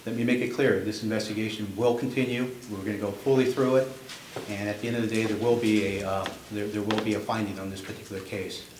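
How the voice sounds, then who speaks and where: A man giving a press statement as a police official, firm and emphatic but halting. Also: fairly low pitch, steady tone. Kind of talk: semi-prepared press statement. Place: press conference room. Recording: echoey room with clear background noise.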